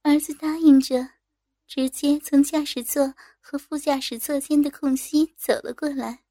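A woman reading a first-person story aloud in a soft, intimate, unhurried manner. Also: high-pitched, fairly even intonation, no echo, studio quality.

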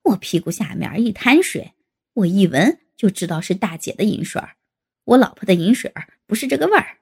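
Woman putting on a brash young man, gravelly and husky, teasing, loud fast bursts, storybook reading. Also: mid-range voice, big pitch swings, voice pushed down, heavily acted. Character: brash joking young man, crude teaser. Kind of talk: storybook character voice.

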